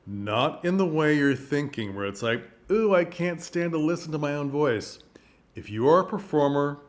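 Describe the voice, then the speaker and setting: Emphatic man talking to camera. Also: medium pitch. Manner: emphatic and expressive, leaning hard on key words. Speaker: vlogger and performing arts commentator. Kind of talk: casual talk to camera. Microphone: microphone.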